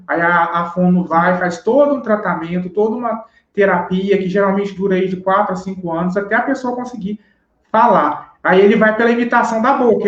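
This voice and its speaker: A man, a guest on an interview show, patiently explains step by step and often checks that he has been understood. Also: sits high. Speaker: sign language teacher guest. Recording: roomy, dull live-stream audio.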